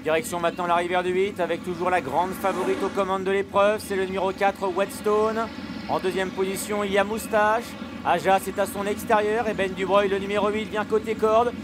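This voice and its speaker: A man's voice: high voice, level tone, moderate pace, background noise. A man calling a live horse race as a commentator, listing runners and their positions in a continuous flow.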